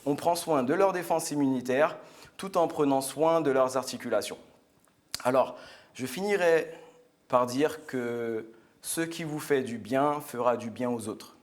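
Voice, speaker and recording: Man, mid pitch, earnest chatty studio guest, restarts often. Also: unhurried. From French Guiana. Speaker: guest speaker. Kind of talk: product presentation on a live show.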